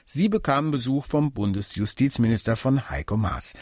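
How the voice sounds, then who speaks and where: A male news anchor introducing a report in a clear, formal manner. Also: mid-range voice, lively intonation, normal speed, darkish tone, dry recording, studio quality. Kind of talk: news presentation.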